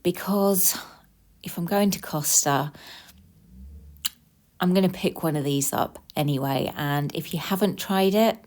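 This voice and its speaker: A woman's voice: deep voice, unhurried, pauses often, darkish tone. A British woman talking candidly and reflectively in a casual eat-with-me vlog, chatting over a drink. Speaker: vlogger sharing eating disorder recovery support.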